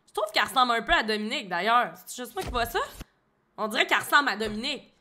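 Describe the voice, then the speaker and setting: A young woman with a Québécois accent talks over clips in a casual reaction video. Her voice sits high and bright. She is blunt and excitable, and she swears often. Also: rapid-fire. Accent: Québécois French. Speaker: host reacting to show clips.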